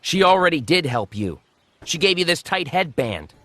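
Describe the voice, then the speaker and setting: Cheeky monkey warrior, boastful, hot-tempered, sharp tone, very animated, children's story, soft music behind. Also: male voice, a little high, moderate pace. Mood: frustrated. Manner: boastful, impudent.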